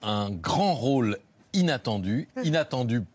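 Male co-host, dry close sound, measured questions. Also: medium pitch, expressive, darkish tone, dry recording. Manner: measured, introduces clips. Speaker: talk-show host. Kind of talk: TV interview.

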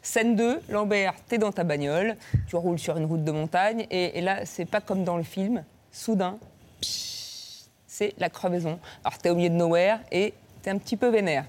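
A woman's voice: fairly low pitch, moderate pace, darkish tone. Playful woman doing a comic TV column. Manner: playful, bursts into sung lines and silly voices. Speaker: comic columnist on a TV talk show. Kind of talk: comic sketch with snatches of song. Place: TV studio.

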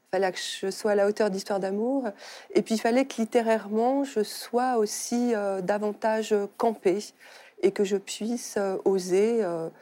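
Middle-aged woman, novelist guest; mellow, unhurried, searching for words. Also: medium pitch. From Algeria. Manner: thoughtful, halting with many fillers. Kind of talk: studio talk show conversation.

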